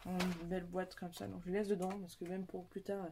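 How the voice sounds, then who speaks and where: A woman's voice: on the low side, flat delivery, a little fast, noisy background. A young woman, chatting casually about her coloring supplies, rambling with many fillers and restarts. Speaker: coloring hobby vlogger. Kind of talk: casual chat showing supplies.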